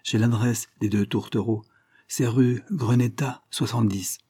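A man's voice: medium pitch, fairly even intonation, measured pace, mellow, breathy edge, no room sound, studio quality. A man voicing a dogged male police inspector who gives matter-of-fact, precise reports.

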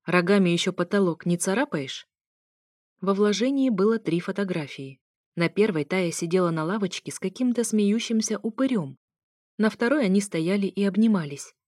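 A woman reading a first-person story aloud as scripted narration, in a steady storytelling manner. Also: mid-range voice, normal speed, no room sound, clean studio sound. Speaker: audiobook reader.

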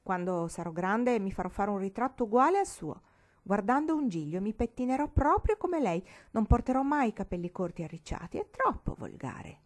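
Una donna che legge dà voce a una bambina prepotente e sfacciata, con tono canzonatorio e saccente. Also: female voice, medium pitch, very animated, moderate pace. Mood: bossy. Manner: teasing, self-important. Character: bossy cheeky little girl. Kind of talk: audiobook reading.

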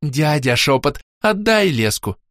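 A man's voice: on the high side, big pitch swings, unhurried, a bit bright, no echo, clean studio sound, pitched above the performer's own voice. A man voicing a stubborn teenage girl, a young goddess who insists on getting her way in an audiobook. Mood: demanding. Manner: insistent, demanding.

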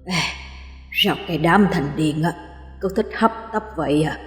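A woman voicing a mocking old male ghost who keeps a graveyard, with a slow, low, teasing drawl. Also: roomy sound, in a large hall, soft background music, close to an everyday voice.

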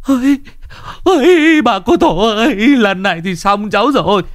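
A man voicing a panicked young man who wails and sobs in a whiny falsetto, like an audiobook story. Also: animated, normal speed, dry recording, clean studio sound. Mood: wailing.

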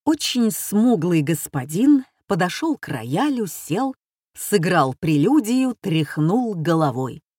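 A woman reading a humorous story aloud in a measured, ironic way. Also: mid-range voice, sing-song, darkish tone, husky, no room sound, studio quality. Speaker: narrator. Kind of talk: audiobook narration.

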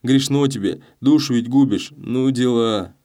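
A man's voice: medium pitch, unhurried, warm tone, voice pushed up, lightly acted. A man voicing a frightened young peasant who begs tearfully for mercy in a storybook reading. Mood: pleading. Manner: whining, begging, sobbing pleas.

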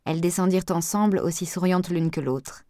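A woman reading a novel aloud in steady, measured audiobook narration. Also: lowish voice, dry recording, clean studio sound. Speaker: audiobook reader.

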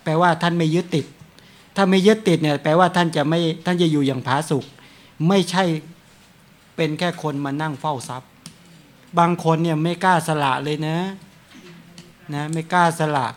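Monk, man, relaxed storytelling sermon, slightly higher voice. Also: moderate pace, long pauses. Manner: chatty, tells anecdotes with frequent chuckles. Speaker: Buddhist monk. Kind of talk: dharma talk with storytelling.

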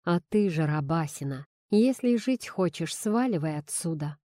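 A woman's voice: low voice, lively intonation, unhurried, dry recording, studio quality, pitched below the performer's own voice. Woman voicing a shaky, defiant young woman. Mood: tense defiant. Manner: shaky, shouting threats.

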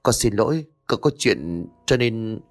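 A man's voice: fairly low pitch, animated, a little slow, long reverb tail. A man voicing an evasive young husband in debt, who answers meekly and politely and calls out eerily in a dream.

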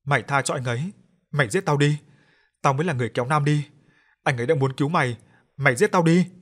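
A man's voice: a little high, fast, lightly acted. A man voicing a desperate young woman who sobs and offers herself instead. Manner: tearful, urgent.

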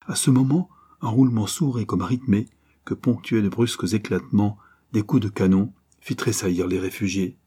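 A man narrating an adventure novel aloud, steady and measured. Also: on the low side, husky. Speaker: audiobook narrator. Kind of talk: scripted narration.

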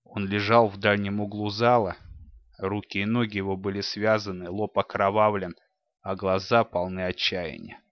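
A man narrating a storybook with expressive storytelling in a dull, dry recording. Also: lowish voice, normal speed, no echo. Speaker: audiobook narrator. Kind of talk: scripted narration.

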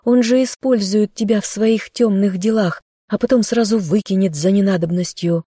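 Female reader doing the captive heroine, young and fiery, high and furious. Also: moderate pace, husky, no room sound, studio quality, close to an everyday voice. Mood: defiant. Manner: defiant, shouting.

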